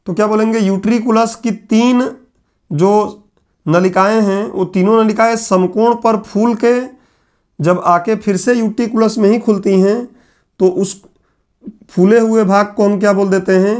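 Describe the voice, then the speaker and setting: A male teacher giving a classroom lecture, repeating key phrases slowly so students can write them down. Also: high voice, steady tone, a little mellow. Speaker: exam coaching teacher. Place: classroom with whiteboard.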